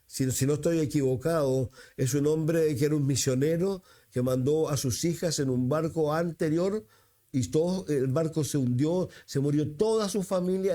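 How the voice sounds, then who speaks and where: A Chilean man preaches to his congregation in a fairly high voice with a dark, mellow tone. He keeps repeating himself for emphasis and puts questions to his listeners. His pitch climbs whenever he quotes scripture. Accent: Chilean Spanish. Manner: rises in pitch when quoting scripture. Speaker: pastor. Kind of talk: sermon.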